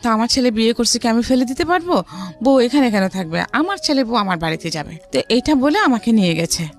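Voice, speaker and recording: A woman with a Bangladeshi accent shares her personal story as an interview guest, often relaying what others said. Her voice is fairly high and sing-song, and she talks quickly over soft background music.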